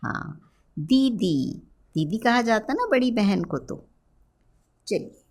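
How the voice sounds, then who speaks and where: A woman teaching a primary-school class, speaking gently and asking the children questions. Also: medium pitch, expressive, takes it slowly. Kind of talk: children's lesson narration.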